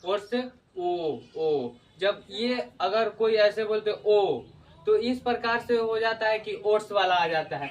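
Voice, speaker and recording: A man's voice: high voice, slow. A man teaches a grammar lesson, repeating key words and explaining with everyday memory tricks.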